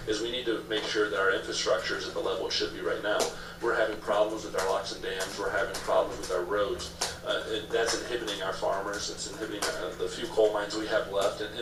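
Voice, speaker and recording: Sounding like a political candidate being interviewed, this man talks fast in a fairly low voice. He repeats phrases to hammer his points home. He's picked up from a distance in an echoey room with background noise.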